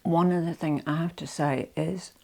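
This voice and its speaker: A woman with a creaky voice that sits low talks at normal speed with fairly even intonation while presenting her handbag collection in a vlog. Her head cold makes her nasal, and she rambles with frequent "you know" asides, now and then dropping to soft near-whispers.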